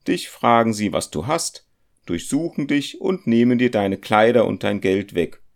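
A man's voice: medium pitch, animated, measured pace, gravelly, voice pushed up. A man voicing a fearful young male goldsmith, pleading and stubborn, in a spoken storybook.

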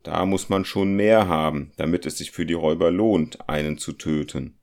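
A man voicing a calm, practical male compass-smith who brushes off his companion's fears in a spoken storybook. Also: low-pitched, moderate pace, gravelly. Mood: dismissive. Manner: dismissive, reassuring, matter-of-fact.

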